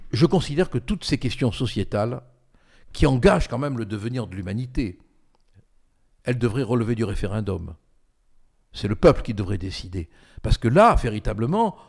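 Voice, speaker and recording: An older man hosts a political talk show as a commentator, speaking emphatically with lots of fillers and restarts. His voice is medium-pitched with a darkish tone.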